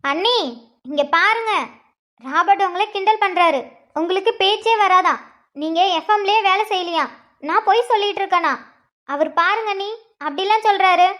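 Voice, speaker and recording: This is an eager young sister-in-law in a cartoon with a very high voice, as a woman plays her. She keeps on coaxing and insisting. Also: moderate pace, pauses often, a bit bright.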